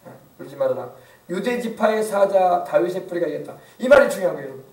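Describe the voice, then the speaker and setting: A man's voice: high voice, animated, quick pace, a little mellow. A male pastor preaching a sermon, emphatic and often asking the congregation questions. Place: church. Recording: echoey church from far off.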